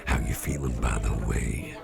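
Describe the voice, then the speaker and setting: In a soft ASMR roleplay, a man plays a jovial, impish old devil boss in full character voice, deep, gravelly and fry-laden. He chats in an unhurried, rambling, genial way, repeating phrases, while a party crowd murmurs behind him.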